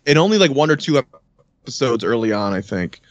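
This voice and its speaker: A man co-hosting a casual chat, leading the talk with quick questions. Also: medium pitch, sing-song, no echo, highs cut off. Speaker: podcast co-host.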